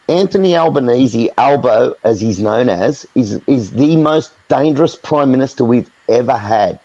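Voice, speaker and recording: A man's voice: mid-range voice, darkish tone, no echo, lo-fi sound. An Australian man in a heated live chat, ranting angrily with lots of swearing. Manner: angry, profane, ranting.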